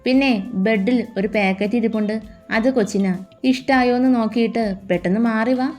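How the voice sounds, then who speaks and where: A doting young husband who teases and coaxes his bride, as a woman storyteller voices him. The voice sits a little high and mellow, with soft music faint behind it. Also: fairly quick, close to an everyday voice. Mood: teasing, fond. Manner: playful, coaxing endearments. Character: affectionate teasing young husband.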